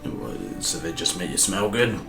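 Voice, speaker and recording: A man's voice: low voice, lively intonation, unhurried, a bit bright, echoey room, soft background music. A man playing a tabletop game, blunt and jokey in casual banter. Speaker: player.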